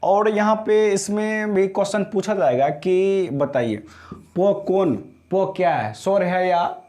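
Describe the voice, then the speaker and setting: Rich: A man with a slightly high-pitched voice, teaching a grammar lesson. He explains step by step and keeps checking that the class is following. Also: darkish tone. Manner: explains slowly, repeats "समझ गए ना?" to check understanding.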